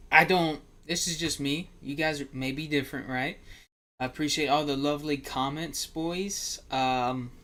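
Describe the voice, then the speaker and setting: A man's voice: fairly high pitch, a bit bright. A young man hosting a casual livestream, rambling to his viewers, calling them "boys" and talking loosely with many fillers and restarts. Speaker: livestream host.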